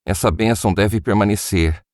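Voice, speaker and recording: A man reading the words of Isaac, an old father, in a solemn, measured voice. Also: lowish voice, dry recording, studio quality, natural voice.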